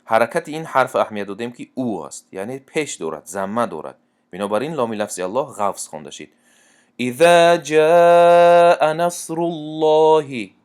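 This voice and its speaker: A man's voice: fairly low pitch, sing-song. A man teaching Quran recitation rules, explaining step by step and reciting verse examples. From Tajikistan. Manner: plain explanatory talk, repeats and restarts, then slow drawn-out chanted recitation.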